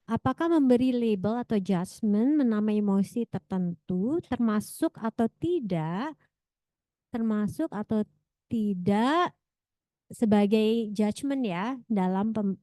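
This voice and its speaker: A woman's voice: mid-range voice, measured pace, dark tone, no room sound, clean studio sound. A woman moderating an academic seminar Q&A, reading out questions, friendly and laughing often. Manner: friendly, laughs often, rephrases as she goes.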